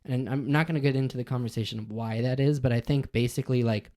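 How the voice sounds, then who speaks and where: A laid-back man co-hosting a podcast, chatting casually with lots of slang and filler words. His voice sits at an ordinary pitch with a mellow, darker tone. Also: steady tone, fast. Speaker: podcast co-host. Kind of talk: casual chat.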